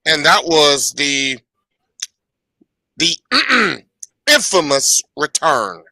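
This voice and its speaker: A man co-hosting a wrestling talk show, folksy and colloquial, quick to laugh. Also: a little high, sing-song, sharp tone, no echo. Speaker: co-host.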